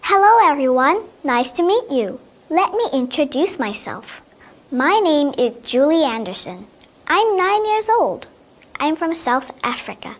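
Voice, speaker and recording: A woman giving a slow, carefully spoken self-introduction for a listening exercise. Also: sits high, very animated. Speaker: sample speaker in a listening exercise.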